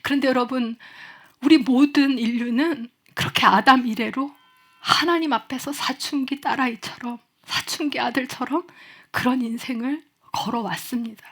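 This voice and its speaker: A woman pastor delivering a Sunday sermon in an earnest, hushed manner that sinks toward near whispers. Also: sits high, moderate pace. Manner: soft, hushed delivery dropping to near whispers at emotional points.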